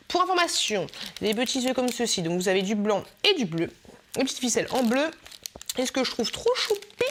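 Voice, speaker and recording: A woman's voice: on the high side, fairly bright tone, a little hiss or hum. A woman showing her shopping haul to camera, in a chatty, playful way, with frequent hesitant fillers and self-mocking asides. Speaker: haul vlogger. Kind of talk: casual product haul chat.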